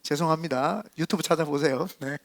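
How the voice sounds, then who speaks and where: A man preaching a Sunday sermon as senior pastor, lively and conversational, with playful asides, in a church sanctuary. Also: on the high side, fairly quick.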